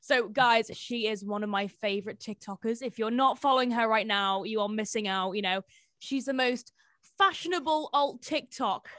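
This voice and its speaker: A woman with a fairly high voice hosts a casual interview. Her sound is dry, with no room echo. She speaks informally, with plenty of slang. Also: moderate pace, fairly bright tone. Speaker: interview show host.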